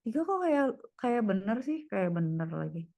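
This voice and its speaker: A woman's voice: mid-range voice, big pitch swings, moderate pace, creaky, dark tone, no echo. A woman tutoring one student, working through problems aloud and murmuring each step as she goes. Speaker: private tutor.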